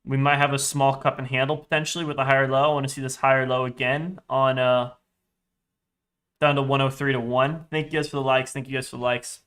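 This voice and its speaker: Speaking briskly at medium pitch with little movement in it, a young man with a stuffy, congested, slightly bright voice chats on a live trading stream. He reads chat aloud, rambling and fixing his words along the way.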